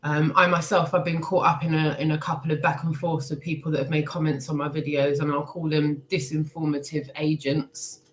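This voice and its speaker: A woman's voice: low voice, level tone, brisk, hardly any pauses. A woman who sounds sick and bunged up, chatting casually and hesitantly to livestream viewers in an apologetic, rambling way. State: unwell, congested, bunged up with a cold and cough. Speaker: livestream host. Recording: clearly noisy livestream audio.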